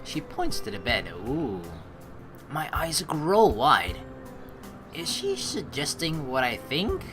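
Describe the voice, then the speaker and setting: Over background music, a young let's play streamer with a low voice reads from a visual novel slowly, her pitch swooping dramatically. She's playful and giggly, filling the gaps between lines with chatty asides.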